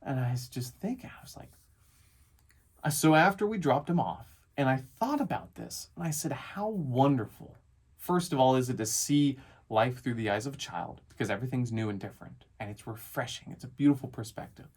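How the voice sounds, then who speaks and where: A man hosting a relaxed solo podcast, talking with a lively, up-and-down voice. He tells his story with animated energy and acts out his child's lines as he goes. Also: mid-range voice, a little fast, breathy edge. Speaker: realtor and podcast host. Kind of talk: casual storytelling monologue.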